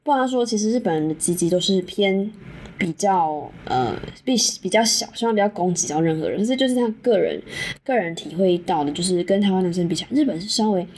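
A woman's voice: lowish voice, lively intonation, fast talker, a little mellow, a little hiss or hum. A young adult woman with a Taiwanese Mandarin accent hosting a solo podcast, telling a story in a frank, chatty way, swearing casually and laughing often. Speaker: podcast host.

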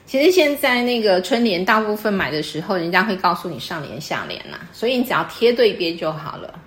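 With a mid-range voice, big pitch swings and a brisk delivery, a woman casually explains customs to a guest. She stays patient and teacherly, quizzing her listener as she goes, and the recording picks up room echo.

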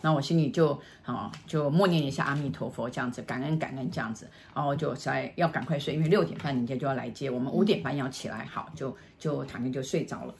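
A middle-aged woman from Taiwan with a Taiwanese Mandarin accent, casually telling a ghost story in halting bursts with many restarts and repeated words. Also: rumbling low, creaky, darkish tone, slight background noise. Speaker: storyteller, the host's mother.

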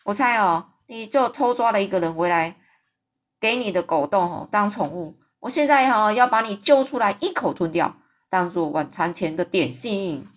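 A woman's voice: medium pitch, expressive, normal speed, lightly acted. A woman voicing a huge, brutish, man-eating male giant who bellows and bullies in a storybook reading. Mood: menacing. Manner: bellowing, bullying, greedy.

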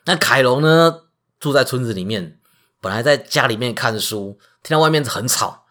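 A man with a Taiwanese Mandarin accent, hosting a podcast and retelling myths in a lively, joking way. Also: mid-range voice, moderate pace. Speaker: podcast host. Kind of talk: casual storytelling podcast.

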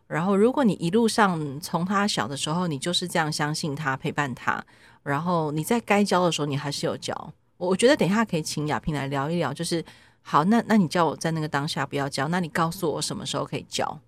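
A woman hosting a parenting podcast in casual, animated chat, often asking listeners to agree. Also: deep voice, quick pace, no echo. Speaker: podcast host.

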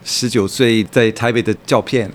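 A man's voice: medium pitch, steady tone, moderate pace. A British man in his fifties, a native English speaker, speaking Mandarin as a foreigner in an interview, occasionally dropping in English words. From England. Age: 50s. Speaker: guest academic. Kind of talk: interview conversation.

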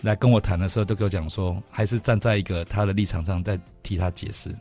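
A middle-aged man with a Taiwanese Mandarin accent hosting a radio talk show, telling stories in an animated way. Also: deep voice, soft background music. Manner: fast, animated storytelling with laughs. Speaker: radio host. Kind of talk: casual radio chat. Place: radio studio.

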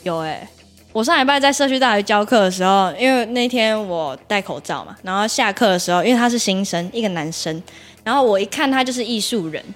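A woman dance teacher, telling stories on a podcast in an animated, laughing way. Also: mid-range voice, brisk, faint music behind. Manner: animated, laughing retelling with playful repetition. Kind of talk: podcast storytelling.

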